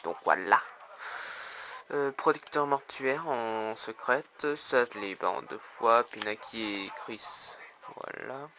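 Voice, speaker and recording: Brief: man, casual card-collector vlog, bright forward tone, halting delivery with a habit of repeating one filler phrase. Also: medium pitch, lively intonation, a little hiss or hum. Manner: keeps repeating "donc voilà", a tic he admits to. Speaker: trading card collector showing his trade binder. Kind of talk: casual video chat.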